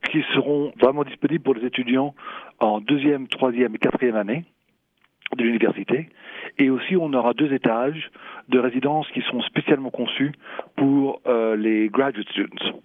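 A man in answers interview questions haltingly, searching for words and repeating himself. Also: medium pitch, dry recording. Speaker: property developer, executive interviewee. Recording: thin phone-like sound.

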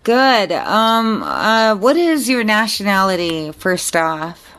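A woman's voice: medium pitch, big pitch swings, takes it slowly, fairly bright tone, clean tone. A woman hosting a community radio interview, asking questions hesitantly with many fillers. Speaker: radio host.

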